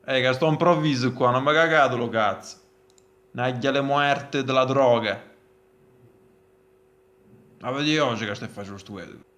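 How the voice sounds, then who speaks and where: A man with a southern Italian Pugliese accent giving crude, mocking, casual comic commentary in dialect, repeating drawn-out catchphrases. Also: mid-range voice, fairly bright tone. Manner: mocking, crude, swearing freely. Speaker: commentator of dubbed TV episodes.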